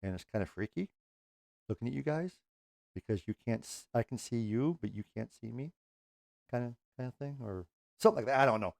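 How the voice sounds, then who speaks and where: A man's voice: medium pitch, lively intonation, fairly quick, vocal fry, pauses often, darkish tone, dry recording. A middle-aged man hosting a music reaction channel, chatting casually to camera in a rambling, self-correcting way and swearing now and then.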